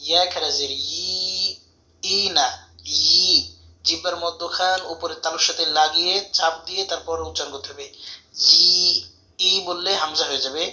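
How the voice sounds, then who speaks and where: A man's voice: fairly high pitch, bright, forceful tone. Methodical male Quran teacher, echoey room. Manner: methodical, repeating syllables slowly, chanting the Arabic verses. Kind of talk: tajweed lesson, spelling out letters and recitation. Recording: roomy echo, dull lo-fi sound.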